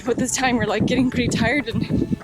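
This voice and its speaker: High-voiced woman vlogging while running. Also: fairly even intonation, a little fast, heavy background noise. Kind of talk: casual vlog chat. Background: loud music.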